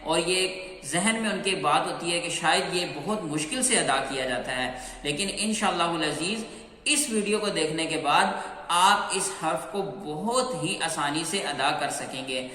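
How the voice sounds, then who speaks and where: A man teaching Qur'anic letter pronunciation in a patient, step-by-step way, repeating sounds and slowly drawing out each letter. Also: on the high side, sharp tone. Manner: slow, clear, repeats sounds and drawn-out chanted letters. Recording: echoey room with long reverb.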